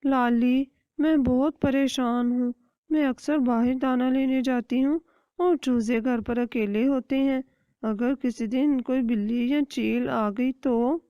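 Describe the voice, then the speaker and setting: A woman voicing a caring, worried mother hen in a cartoon, speaking gently. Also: high-pitched, steady tone, dry recording, pitched above the performer's own voice, close to an everyday voice. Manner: gentle, pleading explanations. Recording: dull dry lo-fi recording.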